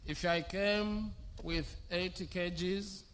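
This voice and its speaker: A middle-aged bishop preaches into a podium microphone under an open-air canopy. His voice sits a little high for a man, and he delivers the sermon very slowly, one short phrase at a time. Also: steady tone, a bit bright, a little hiss or hum. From Zambia. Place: outdoor covered church venue.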